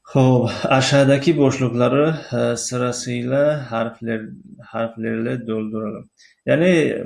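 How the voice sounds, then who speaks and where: A man with a Tajik accent teaching a recorded language lesson, explaining slowly with frequent pauses and fillers and spelling out letters one at a time. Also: medium pitch, vocal fry, a little mellow.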